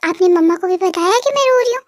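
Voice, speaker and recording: A woman voicing a guilt-ridden young wife who talks softly through tears, in a fan audio drama. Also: very high-pitched, expressive, fast, no room sound. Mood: sad. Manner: soft and weepy, with tender reassurance.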